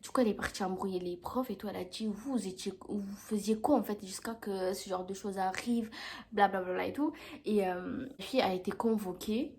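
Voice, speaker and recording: With a brisk delivery and a mid-range voice, a young woman shares a dramatic storytime to camera. Her vlog is casual, and she animates the retelling by acting out what everyone said.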